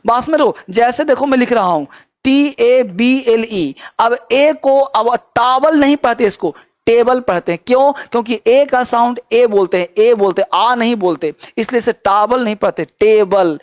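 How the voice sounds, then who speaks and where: A man's voice: very high voice, moderate pace, no room sound. Dry-voiced man teaching English pronunciation. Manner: repetitive, coaxing, asks students questions. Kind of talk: classroom lesson.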